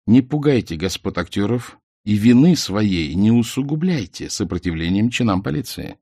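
A man voicing a detective who speaks quietly and firmly, in an audiobook. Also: lowish voice, lively intonation, normal speed, husky, no echo, studio quality. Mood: calm firm. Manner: quiet and firm. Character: calm, firm male detective.

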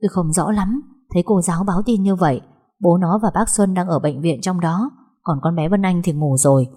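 A woman voicing a kind middle-aged housemaid who talks gently and soothingly. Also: lowish voice, fairly quick, husky.

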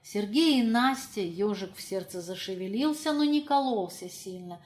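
A woman narrating a literary audiobook in a measured, expressive storytelling manner. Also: mid-range voice.

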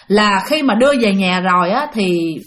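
A woman narrating a spooky spiritual story, lively and speaking straight to her listeners. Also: mid-range voice, moderate pace. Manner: animated, addresses listeners directly. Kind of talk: spoken ghost story.

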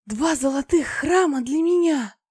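A woman's voice: measured pace, a little mellow, no room sound, studio quality. A woman voicing a hot-tempered young female dragon goddess who shrieks threats and gushes over gold. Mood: thrilled. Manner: shrill, threatening, greedy.

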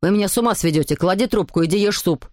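Brief: woman reading as a low, grumbling, hot-tempered father, storybook audiobook, dry close sound. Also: fairly quick, dry recording, natural voice. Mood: angry. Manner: gruff, exasperated, shouting in bursts. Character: irritable middle-aged father, grumbling and short-tempered. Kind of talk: audiobook character voicing.

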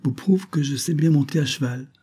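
A man voicing a lively, playful little girl with an English accent in an audiobook, raising his voice high and eager. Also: brisk, slightly rough.

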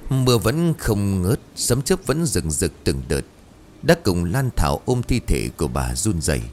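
A man with a very low voice narrates a scripted ghost story, building suspense line by line. His pitch swings widely as he tells it. Faint ambient sound sits behind him. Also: sing-song, unhurried, darkish tone, a little hiss or hum. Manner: dramatic, suspenseful telling.

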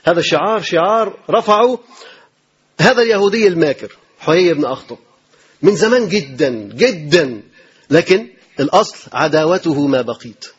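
A male preacher with an Egyptian accent delivers his sermon at a quick clip, his voice pitched high. He stacks up rhetorical questions and hammers phrases twice, and there is a husky edge to his voice. The recording sounds dull and lo-fi. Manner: emphatic, rapid rhetorical questions and repeated phrases.

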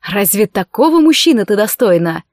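A woman reading an audiobook, voicing a scheming young male sorcerer who speaks in a soft, coaxing, insinuating way. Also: mid-range voice, very animated, normal speed, dry recording, studio quality, close to an everyday voice.

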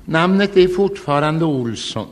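A man in his fifties delivering a scripted comic monologue. He tells the story in a wry, deadpan way. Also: a little high, in a large hall, background noise.

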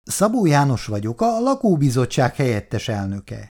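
Guy doing a calm firm older official, steady but lively delivery. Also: medium pitch, voice pushed up. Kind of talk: audiobook reading of a novel.

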